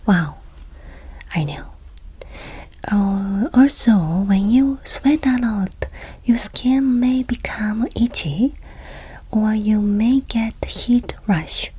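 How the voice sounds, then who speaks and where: A Japanese woman with a Japanese accent hosts an ASMR channel, whispering every word in a very breathy, airy voice. She speaks slowly and gently, with a reassuring manner toward the listener. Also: medium pitch, poor audio. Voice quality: soft whisper throughout. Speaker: host. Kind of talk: whispered ASMR travel tips.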